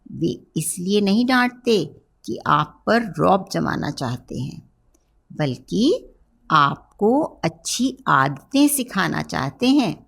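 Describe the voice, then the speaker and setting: A woman teaching a primary-school class, speaking gently and asking the children questions. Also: fairly low pitch, gravelly. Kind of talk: children's lesson narration.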